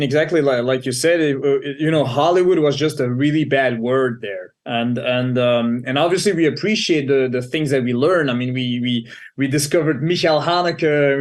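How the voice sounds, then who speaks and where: A man from Belgium, a film director and guest, speaking candidly in English, often repeating and restarting his words. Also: mid-range voice. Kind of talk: casual interview conversation.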